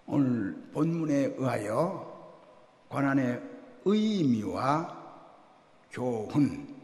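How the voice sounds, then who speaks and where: An older man who is a pastor, preaching a sermon in a lively storytelling way with humor and acted voices. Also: a little high. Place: church sanctuary. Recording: echoey church hall.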